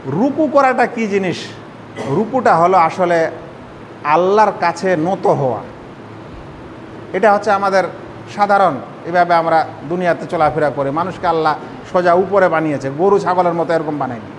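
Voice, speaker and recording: A man, an Islamic scholar, gives a sermon-style lesson on how to pray, explaining each step and putting rhetorical questions to his listeners. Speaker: Islamic scholar teaching prayer. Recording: hall reverb, faint rumble.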